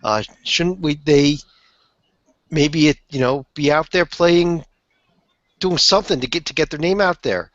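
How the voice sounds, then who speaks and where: A man's voice: a little high, measured pace, pauses often, fairly bright tone, no echo, highs cut off. A man on a sports roundtable who poses questions to the others, hesitant and full of fillers. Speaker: panelist.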